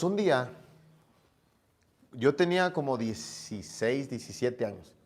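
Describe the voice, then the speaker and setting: A male preacher delivers a sermon in a storytelling manner. His voice sits a bit high and rises and falls a lot as he acts out the dialogue. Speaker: pastor.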